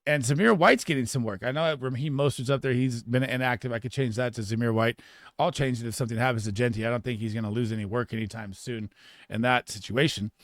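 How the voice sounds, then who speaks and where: A man giving casual fantasy football start and sit analysis in an emphatic, rapid way, often restarting his sentences. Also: mid-range voice, dry recording, clean studio sound.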